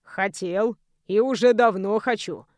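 Brief: woman voicing a lewd, taunting young male bully in a storybook, pushed lower and with a thicker, altered timbre. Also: a little slow, darkish tone, dry recording, lightly acted. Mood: sneering threatening. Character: arrogant blond male student, crude blackmailing bully.

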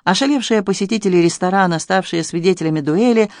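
Measured audiobook narrator, dry close sound. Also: medium pitch, no echo. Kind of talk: scripted narration.

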